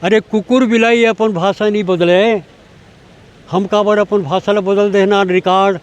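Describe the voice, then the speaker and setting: An older man with a Chhattisgarhi accent, speaking in a high, raised voice. He lectures with force and keeps throwing rhetorical questions at his listener. The talk is taken outdoors, with passing vehicles behind him. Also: fairly even intonation, unhurried. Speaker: language activist. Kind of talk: impassioned interview answers.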